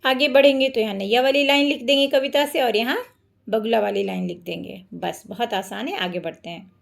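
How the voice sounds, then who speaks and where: A woman's voice: fairly high pitch, brisk, gravelly. A woman teacher explaining a children's workbook lesson step by step.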